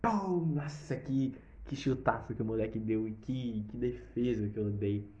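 A young man with a Brazilian accent telling a personal story in a casual, animated way, with sound effects and swearing. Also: medium pitch, a little slow. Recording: slightly dull lo-fi recording.

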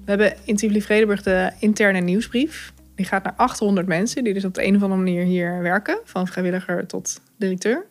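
A woman telling her own story, thoughtful and candid, pausing with fillers and small laughs. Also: medium pitch, steady tone, soft background music. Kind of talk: personal account, reflective.

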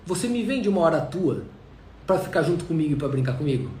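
A man's voice: on the high side, big pitch swings, fast, darkish tone, voice pushed down. A man with a Brazilian accent voicing a young boy who timidly pleads for his father's attention. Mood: earnest. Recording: echoey room, faint noise.

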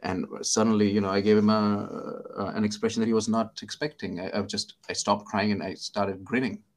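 A middle-aged man from India with an Indian accent, a guest telling his story in an interview, halting and self-deprecating, with many fillers and restarts. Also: on the low side, level tone. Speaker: guest, psychiatrist.

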